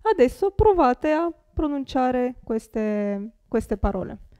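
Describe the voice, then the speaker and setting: A young woman with a native Italian accent gives a pronunciation lesson, speaking at a very slow, deliberate pace. Her voice sits high but sounds mellow, and she repeats each example word with careful articulation. The recording is dry and close. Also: sing-song, clean tone, no room sound. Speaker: Italian teacher.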